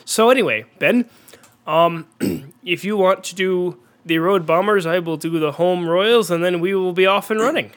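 A young man with a cold, sounding congested and clearing his throat, hosting an excitable amateur commentary on a baseball video game. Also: sits high, moderate pace. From Minnesota. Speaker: host and play-by-play announcer.

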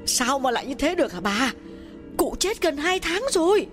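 A man's voice: very high voice, animated, normal speed, soft background music, pitched above the performer's own voice. A man voicing an eager, anxious young female servant who asks curious, pleading questions.

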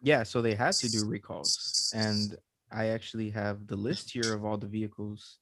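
Low-voiced man in casual podcast chat. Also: level tone, normal speed, fairly bright tone. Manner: loose, laughing, swears casually. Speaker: podcast host.

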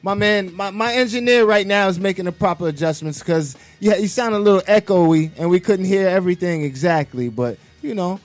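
A man hosting a casual radio interview, relaxed and friendly, calling guests bro and homie. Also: high voice, a little fast, hardly any pauses, soft background music. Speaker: host.

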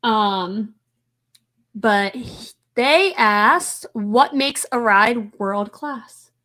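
Female podcast host, highish sharp voice, Philadelphia Delco accent, blunt and informal, casual chat. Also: very slow.

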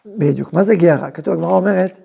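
A man teaching a Torah class as a rabbi, telling a story and acting out its voices with emphatic, lively delivery. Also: sits high, vocal fry, husky. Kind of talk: animated Torah lesson with storytelling.

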